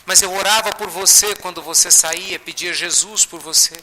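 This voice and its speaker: A man's voice: high-pitched, steady tone, normal speed, sharp tone. A man voicing a radiant, grateful young female spirit who speaks heartfelt thanks. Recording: reverberant hall, faint noise.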